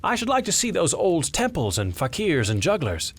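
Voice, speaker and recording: A man voicing an excitable, credulous old father with an eager, wavering manner. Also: a little high, moderate pace, husky, pitched above the performer's own voice, exaggerated voice. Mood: eager, curious. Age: older.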